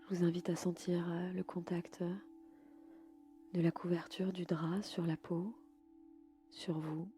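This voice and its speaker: A woman leading a guided yoga nidra sleep meditation in a slow, soft and soothing way. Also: on the low side, little pitch movement, faint music behind.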